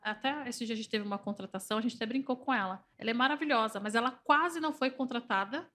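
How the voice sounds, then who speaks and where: A woman's voice: on the high side, fast talker. A woman with a Brazilian Portuguese accent, an entrepreneur and therapist, talking persuasively in a podcast conversation and telling anecdotes. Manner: animated, persuasive, tells anecdotes. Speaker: entrepreneur and organizational systemic therapist.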